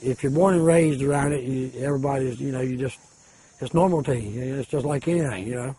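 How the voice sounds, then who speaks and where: A man with a talking in an easygoing, halting way. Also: mid-range voice, dark tone, a little hiss or hum. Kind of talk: casual interview.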